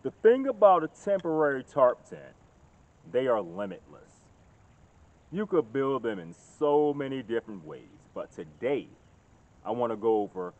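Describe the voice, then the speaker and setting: With a mid-range voice, a man in his thirties chats to a handheld phone camera at arm's length while out in the woods, an outdoors vlogger getting loud and excited as he shows off his work. The sound is dull, lo-fi phone audio recorded outside.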